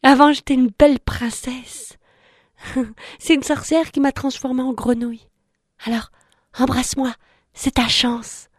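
A woman voicing a small frog who says she is a bewitched princess, in a shrill, pleading, nagging voice. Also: steady tone, unhurried, long pauses, no echo, clean studio sound. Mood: coaxing. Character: pushy little frog claiming to be princess.

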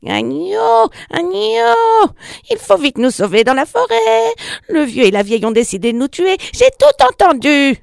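A woman voicing a storybook tomcat, high-pitched, hurried, lively, dry sound. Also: dry recording, full character voice. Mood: urgent. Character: clever urgent male house cat.

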